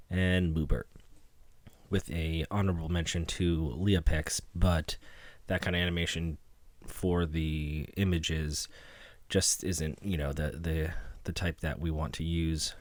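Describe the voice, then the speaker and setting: A man hosting a software tutorial, talking casually through his screen recording with lots of ums and restarts. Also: low voice, no room sound. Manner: relaxed, rambling, many ums and restarts. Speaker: tutorial host.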